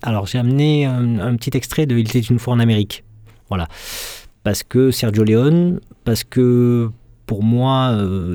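A man from Marseille, a sound engineer, speaking as an interview guest in a passionate, halting way. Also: medium pitch, dark tone, no echo.

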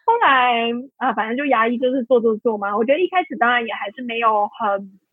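A woman tells her story in a rambling, heartfelt way, full of fillers and restarts. Her voice is husky and a touch high. It comes through a narrow, phone-like line with no room sound. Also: a little fast, no room sound. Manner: rambling, many fillers and self-corrections, emotional. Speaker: podcast guest. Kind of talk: candid personal storytelling. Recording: tinny phone-like line, dry.

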